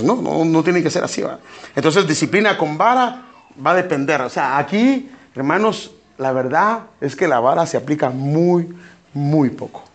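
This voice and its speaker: A middle-aged male pastor preaching a sermon, emphatic and repeating his phrases as he keeps calling his listeners brother. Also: on the high side.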